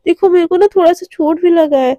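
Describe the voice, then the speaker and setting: A woman's voice: very high voice, a little fast, warm tone, dry recording. A woman voicing a scheming, lovestruck young woman who talks sweetly and pleads a little playfully. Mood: pleading.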